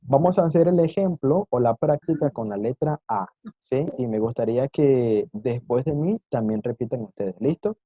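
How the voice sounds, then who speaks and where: Husky, encouraging male language teacher. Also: mid-range voice, normal speed, no room sound, muffled recording. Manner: patient, encouraging, demonstrates sounds with exaggerated intonation. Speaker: Mandarin teacher. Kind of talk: online language lesson.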